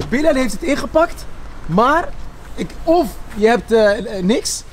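Lively, high-voiced man, street slang. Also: a little slow. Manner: Moroccan-Dutch street slang peppered with Arabic phrases. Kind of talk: casual chat. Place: outdoors in a car park by an open car boot. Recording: busy outdoor street noise.

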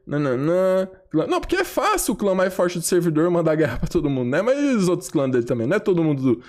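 A man's voice: a little high, big pitch swings, fast talker, darkish tone. Man, Brazilian accent, game streamer, live commentary, slangy, taunting, repeats himself. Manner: slangy, provocative, repeats phrases in chants. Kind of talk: live gameplay commentary to chat.

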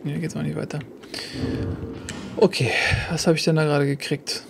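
Guy doing let's play commentary, high voice with a gravelly edge, talks to the game and himself, jokes around, slight hiss behind. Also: level tone, moderate pace. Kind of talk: casual gameplay commentary.

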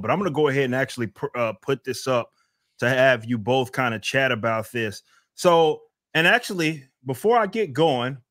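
An energetic male host runs a casual live stream, swearing freely as he hypes things up. His voice sits at an everyday pitch and sounds dry and close to the mic. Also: dry recording. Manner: hyped and profane. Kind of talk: casual chat.

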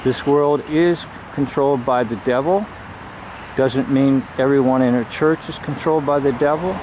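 A man giving earnest, measured religious commentary while filming a church outdoors. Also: medium pitch, fairly even intonation, darkish tone, low-quality recording. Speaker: video host. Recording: outdoor street noise behind.

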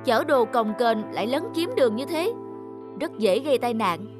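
In a cartoon, a woman gives voice to a young businessman who is stern yet kind-hearted, explaining things in a firm, lecturing, matter-of-fact way. Her voice is a little high and animated, close to how she'd normally talk, at ordinary speed with music playing behind her.

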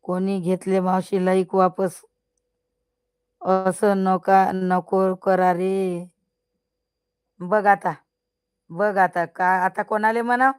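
An older woman chats slowly on a live stream, teasing and scolding her viewers. Her voice is smooth and clear, set at an ordinary middle pitch. The sound is close and dry. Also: dry recording. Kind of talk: casual live-stream chat.

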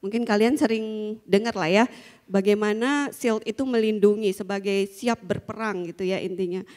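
A woman's voice: medium pitch, moderate pace, darkish tone. Woman with a handheld mic in a reverberant hall. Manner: chatty storytelling with frequent fillers and small laughs. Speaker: school founder giving a conference talk. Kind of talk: conference talk. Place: large conference hall with a seated audience. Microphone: handheld microphone.

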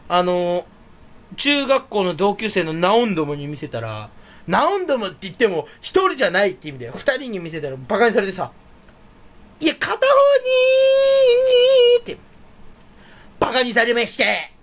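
A man's voice: sits high, big pitch swings, brisk, fairly bright tone. A man talking alone in a casual chat stream, his voice leaping up and down all the time. He rambles from thought to thought, makes fun of himself, and trips over repeated syllables as he plays with words. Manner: rambling, self-mocking, playful wordplay. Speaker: channel host.

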